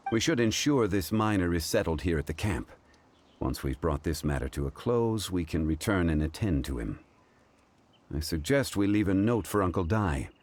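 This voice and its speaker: An actor portrays a calm, formal man who seems ancient and scholarly, speaking in a measured, unhurried way. His voice is low, with a slight hiss or hum in the audio.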